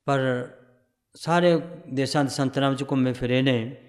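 A man teaching a religious class, calmly explaining scripture and its history. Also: medium pitch. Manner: recites verses slowly in a chanting tune, then explains calmly.

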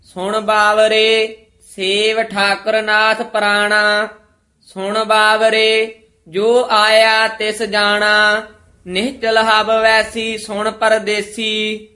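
A reader recites a hymn in an even, measured chant, drawing each line out very slowly. The voice is bright and tense and barely rises or falls. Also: medium pitch. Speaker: student reciting scripture. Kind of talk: slow devotional recitation.

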